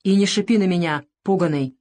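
A woman voicing a calm, unflappable male convict in an audiobook, speaking coolly and curtly. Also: fairly low pitch, brisk, close to an everyday voice.

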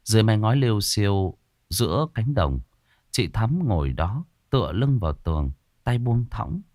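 A man's voice: fairly low pitch, sing-song, normal speed, a little mellow, no room sound, studio quality. A man narrating a ghost story with dramatic, varied storytelling delivery.

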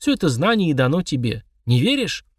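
A man's voice: fairly high pitch, big pitch swings, husky, no room sound, clean studio sound. Tekui, a man voicing a solemn old dwarf elder. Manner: solemn, unhurried, proverb-like speech. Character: wise gentle old male dwarf elder.

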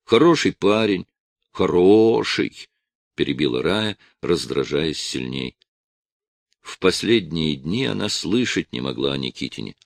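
A man's voice: very deep voice, lively intonation, moderate pace, gravelly, no room sound, studio quality. A man reading a first-person crime novel as an audiobook, blunt and heated. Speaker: audiobook narrator.

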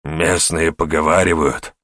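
A male audiobook narrator voicing a battered, mocking male captive in a low, muttering delivery. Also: level tone, a little slow, fairly bright tone, no room sound, clean studio sound. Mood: sly. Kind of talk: audiobook character voice.

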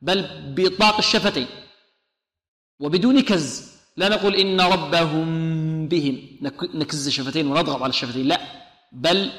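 A man teaching Quran recitation rules. He explains each rule, then chants the verse slowly for his students to repeat. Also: a little high, fairly bright tone. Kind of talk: tajweed lesson with chanted recitation. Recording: echoey hall reverb.

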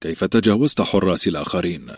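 A man's voice: sits low, animated, fast talker, darkish tone, breathy edge, no room sound, clean studio sound. A man reading an audiobook, voicing a stern, honorable grown lord who speaks curtly and with command. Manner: curt, commanding, surprised. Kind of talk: audiobook character voice.

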